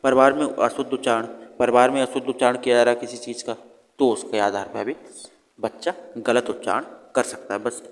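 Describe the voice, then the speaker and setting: A man's voice: medium pitch, fairly even intonation, brisk, in a large hall. A man teaching an exam revision lesson, asking questions and answering them himself. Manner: explains by asking and answering his own questions.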